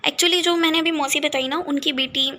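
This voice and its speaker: A woman's voice: high voice, fairly even intonation, normal speed, bright, forceful tone. A young woman from India, a vlogger, talking in a casual, frustrated monologue and mixing in English phrases. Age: young adult.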